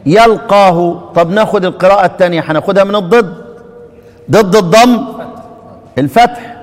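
Man, Egyptian accent, Quran teacher, asks and answers his own questions, long hall reverb. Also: high-pitched. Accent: Egyptian Arabic. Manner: calls students "ya ahibba", asks questions and answers them himself; chants the readings slowly, explains in quick colloquial Egyptian. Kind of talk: lecture on variant Quranic readings.

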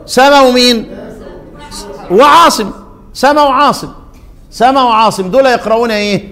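A man's voice: extremely high pitch, sharp tone, big-room sound. Egyptian teacher quizzing his class. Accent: Egyptian Arabic. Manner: quizzes students, chants verses slowly. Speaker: Quran recitation teacher. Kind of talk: lesson on Quran reading variants.

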